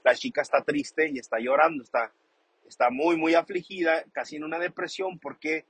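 A man calmly explains the meaning of a song's lyrics, often rephrasing and repeating himself as he thinks aloud. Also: a little high, normal speed, breathy edge, no room sound, poor audio. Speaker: song commentator. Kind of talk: casual explanatory commentary.

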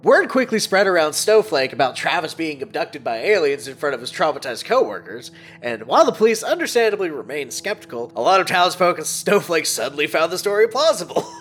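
A man's voice: fairly high pitch, fairly bright tone, husky. A man co-hosting a podcast, narrating a story in casual chat with dry asides.

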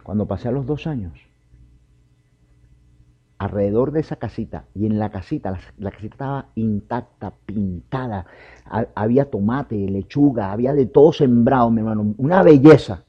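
A man's voice: fairly low pitch, normal speed, breathy edge. A man preaching a fervent personal testimony, speaking straight to the listener and calling him brother. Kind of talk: emotional testimony and exhortation. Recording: dull lo-fi recording.

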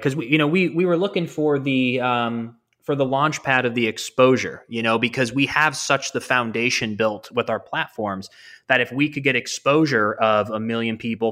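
A man in his thirties, a guest on a podcast, who talks with eager enthusiasm and often restarts his sentences. His tone is bright and forward. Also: mid-range voice. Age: 30s. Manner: rambling, restarts a lot, enthusiastic. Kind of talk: casual interview chat.

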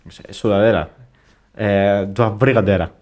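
A man's voice: on the low side, normal speed, a little mellow. A young man co-hosting a podcast, making dry, teasing jokes in casual chat. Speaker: podcast co-host.

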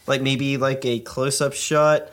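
Man, guest writer, hesitant, lots of uhs and likes, even middle pitch. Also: unhurried. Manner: hesitant, full of fillers. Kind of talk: improvised comedy chat.

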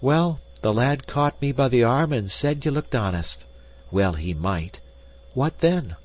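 A man reading aloud, voicing a worried, caring wife in a raised, gentle voice. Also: expressive, a little slow, rough recording. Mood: tender. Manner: gentle, pleading, higher voice. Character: anxious caring Dutch wife, middle-aged. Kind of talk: audiobook character voice.

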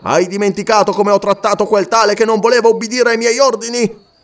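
Guy putting on a fierce warrior chief, roaring and threatening, high and lively, storybook reading. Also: takes it slowly, full character voice. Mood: furious. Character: fierce proud male warrior chief, hot-tempered.

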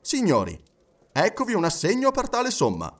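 A man voicing an impassive, precise English gentleman who speaks calmly and in measured tones. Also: high-pitched, far from the mic, voice pushed up, heavily acted. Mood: composed. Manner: calm, measured, unhurried.

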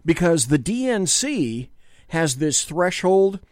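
A man's voice: a little high, sing-song, slow, no room sound. A man co-hosting a political talk show in a small studio, chatting casually in a self-deprecating way that rambles with restarts.

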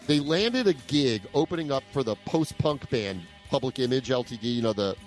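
A man's voice: mid-range voice, lively intonation, brisk. A man co-hosting a podcast, casually chatting and sharing music trivia. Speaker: co-host of a music countdown podcast. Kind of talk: casual chat.

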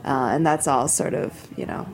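A woman guest on a radio show, chatting casually and quickly about the food events she co-organizes. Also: a bass voice, animated, gravelly. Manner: quick, chatty, many fillers.

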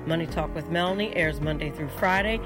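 A woman's voice: low-pitched, fairly quick. A woman radio host delivering a scripted promotional spot for her show, with music behind her. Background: prominent promo music.

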